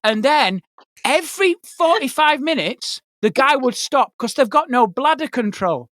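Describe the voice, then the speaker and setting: A woman's voice: high-pitched, expressive, a little slow, a bit bright, no echo, studio quality. A woman podcast host telling a comic story in casual chat, acting out other people's lines and swearing freely.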